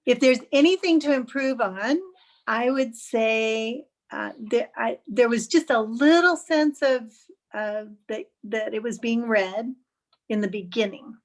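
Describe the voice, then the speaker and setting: A woman's voice: a little high, a little slow. A woman giving encouraging, chatty feedback on a speech over a video call. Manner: encouraging, chatty, gently picky. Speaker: speech evaluator. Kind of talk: giving spoken feedback in an online club meeting. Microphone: computer mic on a video call.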